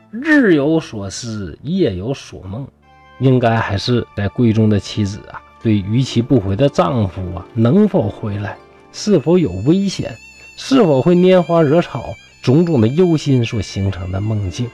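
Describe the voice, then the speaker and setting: A man's voice: mid-range voice, big pitch swings, a little slow, warm tone, soft background music. A man from Shenyang with a Northeastern Mandarin accent, telling a classic tale in a chatty, folksy manner with colloquial asides. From Shenyang, Liaoning, China. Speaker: storyteller host. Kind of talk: humorous storytelling podcast.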